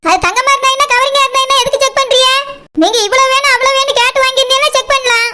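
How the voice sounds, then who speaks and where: A woman's voice: very high-pitched, steady tone, racing. A woman voicing Saroja, an angry young wife defending her mother, speaking in an in a heated, protesting way. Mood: indignant. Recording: loud background noise.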